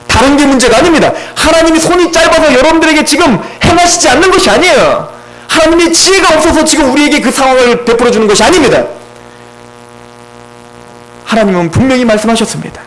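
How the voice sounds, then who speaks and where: A man's voice: extremely high pitch, fairly bright tone, a little hiss or hum, low-quality recording. A man preaching a sermon as pastor, earnest and pleading, putting question after question to his congregation.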